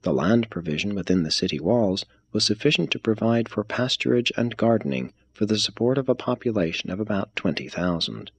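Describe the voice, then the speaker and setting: A man reads a religious text aloud as scripted narration, measured and formal in manner. His voice is fairly low, animated and husky.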